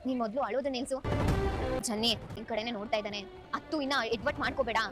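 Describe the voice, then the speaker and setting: A young actress in a TV serial playing a sensible college friend who scolds but cares. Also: female voice, fairly high pitch, very fast, close to an everyday voice. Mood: scolding, caring. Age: young adult. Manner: scolding yet caring. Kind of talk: TV serial acting. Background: background music score.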